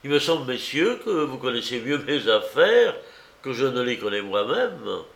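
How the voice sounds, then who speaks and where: A man voicing a puzzled, impatient young gentleman heir in an audiobook. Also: mid-range voice, sing-song, moderate pace, vocal fry, roomy sound.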